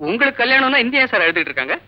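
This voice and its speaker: A man's voice: extremely high pitch, sing-song, very fast. An actor playing an earnest young college student who pleads his innocence and solemnly repeats his words. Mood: puzzled. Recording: dull old film soundtrack with music.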